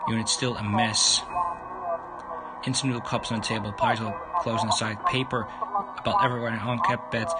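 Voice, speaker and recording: A man livestreams a visual novel, reading it aloud and commenting while often stumbling over the words. His voice is lowish and level, fairly quick, with loud music behind it producing heavy background noise.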